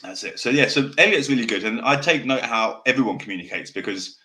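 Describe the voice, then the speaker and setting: A man's voice: mid-range voice, lively intonation, bright, forceful tone. A man hosting an off-the-cuff podcast who can't pronounce his R's, saying w for r, and talks in a direct, passionate, rambling way, often losing his thread and swearing casually. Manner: fast, direct, passionate delivery that can sound angry. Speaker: podcast host.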